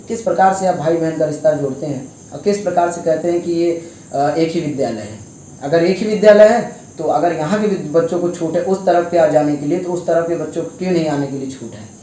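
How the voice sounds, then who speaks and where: A man's voice: on the high side, dark tone. A young man, a student, giving impassioned interview answers full of emphatic rhetorical questions. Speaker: student speaking out. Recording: very echoey with faint noise.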